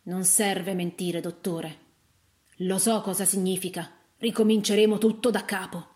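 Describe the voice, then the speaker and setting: A woman's voice: mid-range voice, steady tone, a little slow, darkish tone, close to an everyday voice. A woman voicing a fussy, curt middle-aged husband who speaks stiffly and gloomily in a storybook reading.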